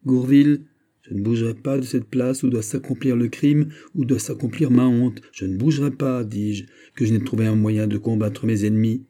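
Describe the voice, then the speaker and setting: A man's voice: medium pitch, fairly even intonation, moderate pace, mellow, voice pushed up, lightly acted. A man reading aloud, voicing a proud, impassioned nobleman who speaks with a commanding, indignant tone. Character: proud, impassioned male nobleman, a finance minister.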